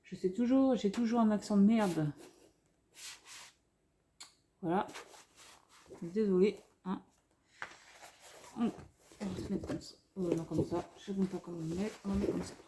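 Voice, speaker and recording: A French craft vlogger shows a haul of craft paper pads at home, softly gushing over cute items in rambling casual commentary packed with fillers and restarts. Her medium-pitched voice moves at normal speed with frequent pauses. A camera on a tripod records her, with a little hiss or hum.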